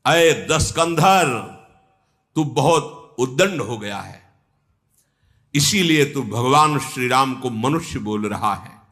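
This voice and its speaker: A man's voice: mid-range voice, lively intonation, slow, fairly bright tone. A male preacher voicing a bold, loyal monkey warrior envoy who rebukes fervently. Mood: stern rebuke.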